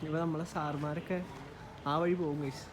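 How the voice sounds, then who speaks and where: A man's voice: on the high side, level tone, moderate pace, a little hiss or hum. A young man talking casually on a vlog with friends, mixing English words into his Malayalam. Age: young adult. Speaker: vlogger.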